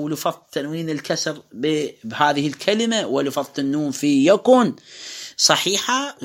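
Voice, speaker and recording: Iraqi male teacher, lively intonation, methodical lecture on recitation. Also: fairly high pitch. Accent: Iraqi Arabic. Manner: explanatory, demonstrates pronunciation by drawing out words. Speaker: religious teacher. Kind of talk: lecture on Quran recitation rules.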